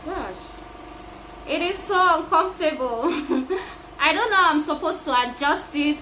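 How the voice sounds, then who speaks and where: A woman's voice: high-pitched, expressive, measured pace, pushed and bright. A woman in a casual how-to vlog, talking through a face mask, chatty and laughing at herself. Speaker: vlogger. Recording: echoey room, faint background hiss.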